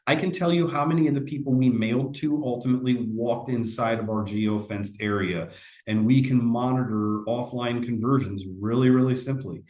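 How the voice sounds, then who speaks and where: A man's voice: medium pitch, steady tone, normal speed, a little mellow, roomy sound. A man giving a casual, conversational sales presentation in a webinar, often restarting his sentences.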